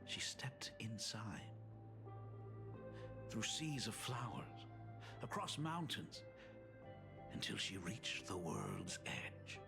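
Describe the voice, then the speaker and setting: An actor playing a solemn, aging father in a video game, with an old man's gravelly voice and a grave, wistful delivery. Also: fairly low pitch, wildly swooping pitch, slow pace, pauses often, music in the background, heavily acted. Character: solemn aging father, fatherly artist burdened by family curse. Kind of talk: dramatic video game voice acting.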